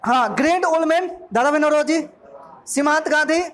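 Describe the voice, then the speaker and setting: This man's very high-pitched, slightly bright voice moves at a moderate pace as he quizzes his class in a playful revision session. He's a coaching teacher from Bihar, India, with a Bihari accent, recorded in a noisy room full of students.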